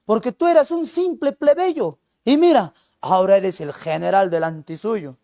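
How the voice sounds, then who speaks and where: A man's voice: high-pitched, moderate pace, warm tone, dry recording, clean studio sound. A male teacher playing a proud, generous Inca king and doting father, in a raised, declamatory voice. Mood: grand.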